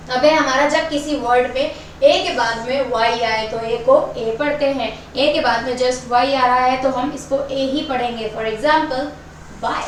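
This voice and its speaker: A high-voiced woman teaches English pronunciation and reads example words one at a time, stopping often to check that it is clear. Her voice comes from some distance off the mic. The room is very echoey, with a faint hiss of noise underneath. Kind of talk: online lesson, explaining rules and reading example words.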